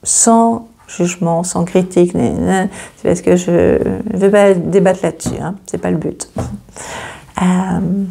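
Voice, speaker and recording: Gravelly, husky French-speaking woman host. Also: fairly low pitch, fairly even intonation, slow. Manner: hesitant, many fillers and repeats, gently reassuring. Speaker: astrology channel host. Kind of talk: casual astrology reading to camera.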